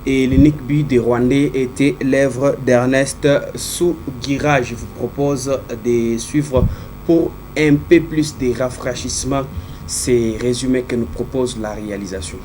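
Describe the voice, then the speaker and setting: Mellow, halting male sports presenter. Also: mid-range voice, steady tone, slight background noise. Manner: halting, hesitant delivery.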